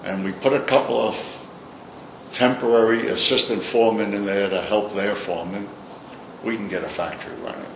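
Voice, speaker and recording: His voice is on the low side, steady in tone and fairly quick: an older man from Brooklyn sharing stories in a casual interview. The telling is blunt, salty and opinionated, with clear background noise and room echo.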